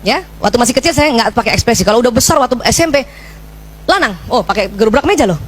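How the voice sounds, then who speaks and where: A middle-aged woman giving a lively parenting talk to an audience of mothers, often checking in with them by asking questions. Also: a little high, rapid-fire, breathy edge. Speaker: parenting speaker.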